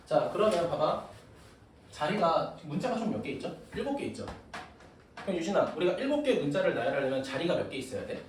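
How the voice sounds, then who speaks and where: Recorded from afar in an echoey room with noise, a man lectures a math class, teasing and joking with students as he explains things. He speaks a little fast in a slightly high, very animated voice.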